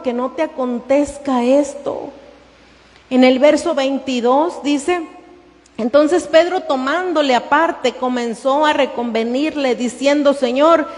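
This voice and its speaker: A woman's voice: sits high, darkish tone, big-room sound. A woman pastor preaching a sermon, asking the congregation questions and calling them "hermano".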